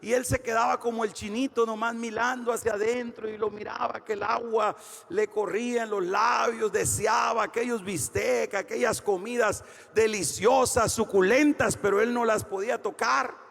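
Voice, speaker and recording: A man preaching a fervent sermon, swinging from shouted declarations to hushed storytelling. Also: very high-pitched, steady tone, normal speed, vocal fry, long reverb tail, soft background music. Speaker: pastor.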